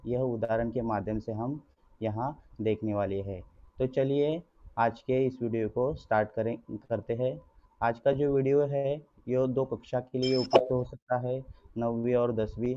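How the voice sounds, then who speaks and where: A man's voice: medium pitch, warm tone. A male school teacher gives an online grammar lesson over slides, patiently explaining to the children and constantly posing rhetorical questions that he answers himself. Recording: dull lo-fi recording.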